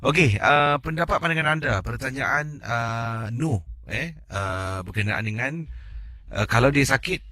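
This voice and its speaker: A man hosting late-night radio, reading a listener's ghost story in a measured, storytelling way. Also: mid-range voice, expressive, pushed and bright, no echo, clean studio sound.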